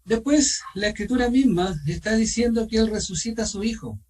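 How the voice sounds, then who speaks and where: High-voiced Chilean man leading online Bible study. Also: darkish tone, recorded from a distance, poor audio. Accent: Chilean Spanish. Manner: asks questions of the group, repeats himself, pauses with fillers. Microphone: video call.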